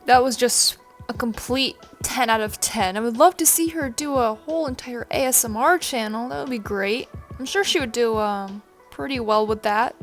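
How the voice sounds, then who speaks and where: A young woman talks fast and blunt into a phone in a windy backyard, swearing and getting excited. Her voice sits a little high, with faint music underneath. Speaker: vlogger. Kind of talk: casual chat to camera. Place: sunny, windy backyard outdoors. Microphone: phone held by hand.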